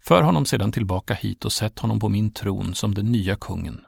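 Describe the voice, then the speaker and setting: A man's voice: on the low side, lively intonation, creaky, breathy edge, no echo, studio quality, full character voice. A man voicing an aged king over 70 in a Bible storybook reading, making solemn oaths and giving commands. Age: 70s.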